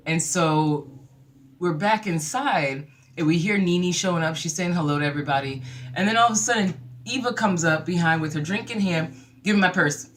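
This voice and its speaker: A bright, sharp-toned host runs through a reality TV episode as a casual recap. The delivery is an animated storytelling style, with the host slipping into other people's voices for the quotes and laughing easily along the way. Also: medium pitch. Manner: laughs easily while retelling.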